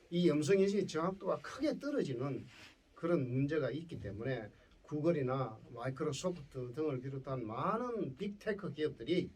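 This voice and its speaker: Far from the microphone, a man with a husky, slightly high voice gives an indoor lecture to school students as a professor. He has a Gyeongsang accent and frequently checks in with the class through tag questions.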